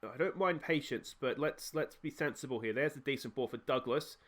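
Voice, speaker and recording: A gaming channel host from Australia, a little fast and a bit hoarse from a cold, plays a football management game in a laid-back let's play, chatting and cheering at the highlights.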